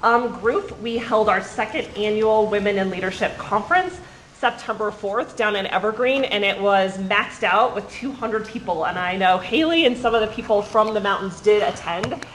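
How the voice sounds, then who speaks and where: The recording comes from a camera at the back of a large meeting room, where a woman on a state athletic association's staff presents to seated coaches and athletic directors. Her voice is medium-pitched, and her talk is informative and friendly, sprinkled with ums. Audio quality is poor, with a little hiss or hum.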